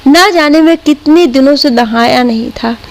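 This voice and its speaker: A woman narrating an emotional family story in a steady, dramatic storytelling manner. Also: sits high, moderate pace.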